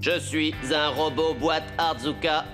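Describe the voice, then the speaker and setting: Robot voice, little cardboard box robot, slow, stiff, odd altered tone, a man doing it. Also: on the high side, steady tone, over music. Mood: mechanical.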